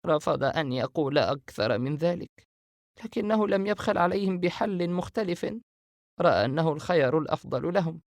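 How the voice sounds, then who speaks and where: A man's voice: fairly high pitch, lively intonation, no room sound, clean studio sound, voice pushed up. Man doing a solemn, raised-voice older sister. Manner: solemn, measured explaining. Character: grave, knowing older sister. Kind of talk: audiobook character reading.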